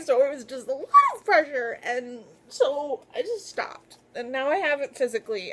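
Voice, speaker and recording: A woman talking casually to her viewers in a book haul video, gushing and excitable. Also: fairly high pitch. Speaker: book vlogger.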